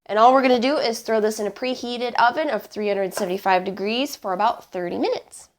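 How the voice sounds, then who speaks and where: A woman's voice: a little high, fairly quick. Congested, honking woman hosting a cooking show. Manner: chatty, emphatic, informal. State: congested, honking voice from getting over bronchitis. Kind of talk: casual recipe demonstration to camera.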